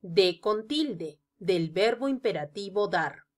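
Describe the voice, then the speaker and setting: A woman narrating a scripted grammar lesson, explaining each example slowly and deliberately. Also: medium pitch, lively intonation. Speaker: teacher.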